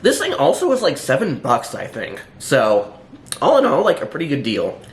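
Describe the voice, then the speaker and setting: A man's voice: on the high side, huge pitch swings, normal speed. A hungover man giving a casual, unscripted food review in a rambling, hesitant, dryly sardonic way, full of filler words. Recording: roomy echo, faint background noise.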